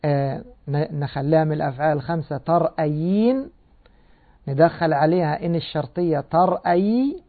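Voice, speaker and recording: A man gives a patient Quran and grammar lesson. He asks questions and answers them himself. His voice sits a little high and comes through a thin, phone-like recording. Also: moderate pace. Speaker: Quran teacher. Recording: tinny phone-like sound.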